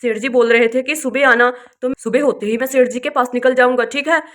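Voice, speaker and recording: A worried but caring village husband and brother from a doll drama, voiced by a woman. He is firm and consoling, and his voice sits high. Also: steady tone, brisk, a bit bright. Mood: earnest.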